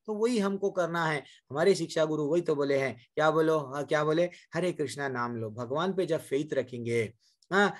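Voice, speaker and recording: A man's voice: fairly high pitch, fairly bright tone. A man giving a devotional sermon to a class, asking rhetorical questions, addressing listeners as mothers and brothers, and mixing English words into his Hindi. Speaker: devotional speaker.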